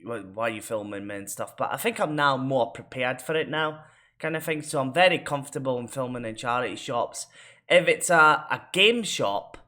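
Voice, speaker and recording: A Scottish man looks back on his videos in loose, rambling talk, circling back with "as I say" and plenty of fillers. His voice is bright and forceful, at a middling pitch. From Scotland. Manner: rambling, full of fillers and restarts. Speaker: vlogger. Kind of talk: casual reflective chat.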